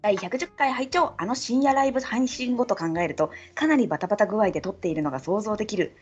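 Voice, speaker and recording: A woman from Saga with a Kyushu dialect, hosting a podcast in casual chat and quickly chiming in agreement. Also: mid-range voice, a little mellow, slightly rough, muffled recording, faint music behind. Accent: Kyushu dialect, Chikugo-tinged. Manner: chatty, quick agreeing interjections. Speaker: podcast host.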